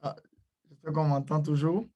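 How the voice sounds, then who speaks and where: Male preacher for an online conference; level, monotone delivery, a touch high, hesitant and repetitive. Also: normal speed. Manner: frequent hesitations and fillers; repeats blessings and greetings. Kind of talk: online church conference talk.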